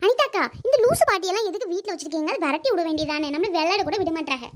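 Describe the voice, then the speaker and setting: A woman's voice: very high-pitched, animated, racing, a little hiss or hum. A woman voicing a bold, talkative little girl in a cartoon who talks back cheekily, with a Kanyakumari Tamil accent. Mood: cheeky. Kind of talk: cartoon voice acting.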